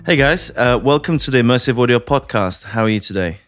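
A man's voice: mid-range voice, expressive, brisk, fairly bright tone, soft background music. A man hosting a podcast interview, asking polite, short questions. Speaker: podcast host.

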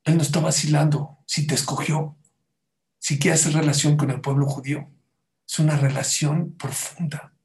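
A man's voice: fairly high pitch, fairly even intonation, moderate pace, creaky, a little mellow. A man giving a sermon as a rabbi, telling stories and asking the audience rhetorical questions.

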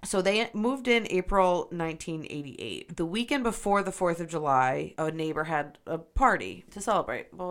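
A woman from upstate New York, co-hosting a podcast, telling a ghost story casually and animatedly, with lots of swearing and acted-out quotes. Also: fairly low pitch. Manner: animated, profane retelling with quoted voices. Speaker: podcast co-host.

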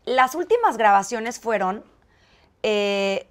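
A woman with a Mexican accent, a guest in an interview, telling a story with lively acted-out dialogue. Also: a little high, slow pace. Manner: animated, acts out quoted dialogue.

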